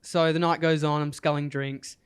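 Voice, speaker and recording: A man's voice: a little high, little pitch movement, moderate pace, clean tone. A young man hosting a podcast, rambling through a party story and laughing often. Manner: rambling, laughs often while telling stories. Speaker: podcast host. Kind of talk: casual storytelling chat.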